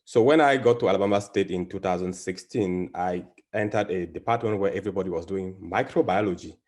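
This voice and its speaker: A Cameroonian man who is a biology professor gives an academic presentation over a video call, halting often with many fillers and restarts. His voice sits low and is a little mellow.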